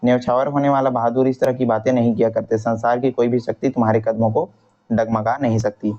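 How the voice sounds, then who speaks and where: A man's voice: medium pitch, flat delivery, a little fast, warm tone, lightly acted. A man reading the lines of a proud, grieving mother of a condemned young man, plainly and aloud from a textbook. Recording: dull lo-fi recording.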